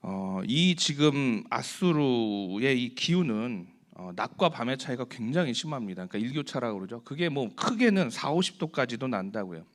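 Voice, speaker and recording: A man's voice: medium pitch, very animated, moderate pace, hardly any pauses. A man giving a conversational Bible sermon, asking his listeners questions and acting out quoted prayers. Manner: asks the listeners rhetorical questions; acts out quoted prayers and complaints. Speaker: preacher.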